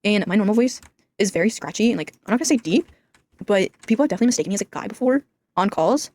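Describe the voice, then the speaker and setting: A teenage girl, a gaming YouTuber, rambling casually over her gameplay at home in a deliberately flat, monotone voice, filling her talk with "like.". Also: medium pitch. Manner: rambling, flat monotone delivery, says "like" constantly.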